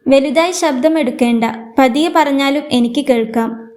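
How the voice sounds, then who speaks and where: A lady doing a fierce young woman, firm and scolding, high voice. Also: moderate pace, darkish tone, lightly acted.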